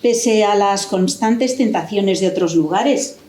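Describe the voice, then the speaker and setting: An actress playing a novelist's affectionate wife, reminiscing in a playful, teasing way. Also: female voice, mid-range voice, takes it slowly, dark tone, natural voice. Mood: teasing, fond. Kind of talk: staged reading in a stage tribute. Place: university auditorium. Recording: roomy hall echo.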